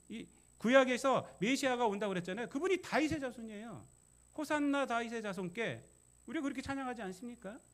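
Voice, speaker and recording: A male pastor preaching a sermon, emphatic, repeating key phrases and putting questions to the congregation. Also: high-pitched.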